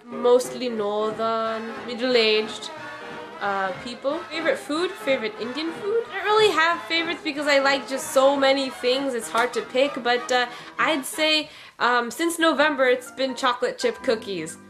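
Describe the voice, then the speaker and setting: A woman's voice: sits high, normal speed, rough recording. A young woman vlogging casually, answering viewer questions in a chatty, digressive way with lots of ums and likes. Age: young adult. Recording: old jazz music playing under the voice.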